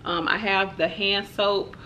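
A woman's voice: mid-range voice, a little slow, slight background noise. A young woman, chatting casually to camera as she shows off her shopping haul. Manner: chatty, relaxed, lots of "like" and "y'all". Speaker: vlogger.

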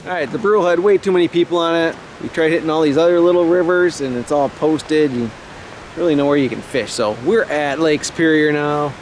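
A man's voice: on the high side, fairly quick, soft background music. A man filming a fishing trip, narrating casually outdoors and trailing off with easy chuckles. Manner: laid-back, chuckling, trails off. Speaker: fishing vlogger. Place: outdoors by rivers and a lake.

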